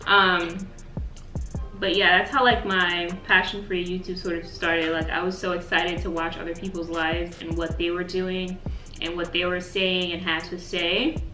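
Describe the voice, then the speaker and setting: Sitting on the floor by the sofa in her living room, an American woman in her twenties does a chatty mukbang for YouTube, eating between sentences and saying "like" often, filmed by a distant tripod camera. Her lowish, sharp voice is a little slow with little pitch movement, in roomy sound with soft background music.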